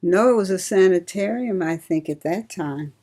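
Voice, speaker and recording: An older woman from Ohio, a retired nurse, reminiscing slowly and laughing often in an oral history interview. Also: lowish voice, mellow. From Cincinnati, Ohio.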